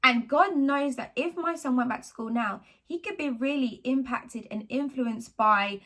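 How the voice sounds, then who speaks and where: A woman, talking casually to camera about her faith in a rambling, animated way. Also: high-pitched, unhurried. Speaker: vlogger sharing faith testimony.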